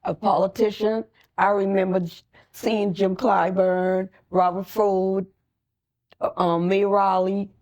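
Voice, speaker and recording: A woman's voice: medium pitch, flat delivery, slow pace, a little mellow. A woman being interviewed, casually sharing recollections for an oral history.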